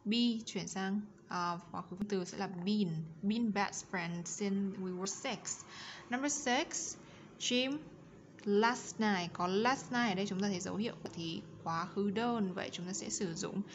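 With a medium-pitched voice and a little hiss or hum on the recording, a female teacher works through a bilingual grammar lesson. She reads the English examples slowly and with care, then explains them quickly between them.

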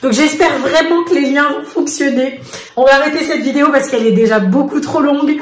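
A woman vlogger chatting to her camera about family life. Her voice sits a little high and she tells it in an animated way, with lots of fillers. The room around her is echoey. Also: fairly quick. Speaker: vlogger mother. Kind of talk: casual chat. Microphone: face camera.

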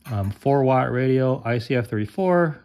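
With an animated, slightly mellow mid-range voice at a moderate pace, this gadget teardown host rambles through casual hands-on commentary, wry and a bit profane. Background noise and clicking tools fill the room.

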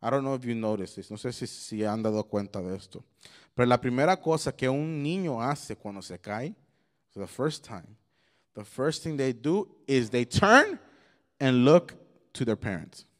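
A man's voice: medium pitch, lively intonation, unhurried. A young adult man giving a youth sermon, switching between Spanish and English and telling stories with lots of animation. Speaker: youth pastor.

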